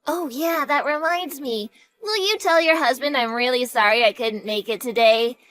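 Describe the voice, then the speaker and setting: Brief: a woman voicing a defensive, scoffing younger sister in a drama story, fairly high voice over faint music. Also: normal speed, a bit bright, no room sound. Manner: snarky, dismissive. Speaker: sister of the main character. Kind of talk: voice acting in a narrated drama story.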